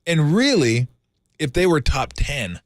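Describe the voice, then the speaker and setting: A man's voice: on the high side, big pitch swings, unhurried, no room sound, clean studio sound. A man co-hosting sports radio, giving colloquial, opinionated commentary in a casual style.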